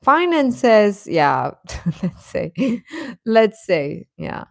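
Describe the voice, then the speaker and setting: This livestream host is a woman whose medium-pitched voice is sing-song, creaky and very slow. She chats casually with her viewers and advises them in a conversational manner, frequently pausing and fixing what she's said. The recording is dry, with clean studio sound.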